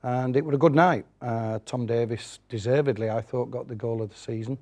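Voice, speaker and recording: A man's voice: mid-range voice, fairly even intonation, brisk, warm tone. Plain-spoken man. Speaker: studio guest. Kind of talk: casual studio chat.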